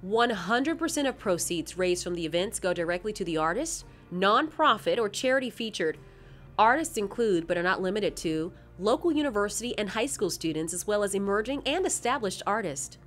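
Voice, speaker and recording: A woman's voice: mid-range voice, animated, brisk, soft background music. A woman co-hosting an arts awards show, announcing nominees and reading their bios. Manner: bright, announcing.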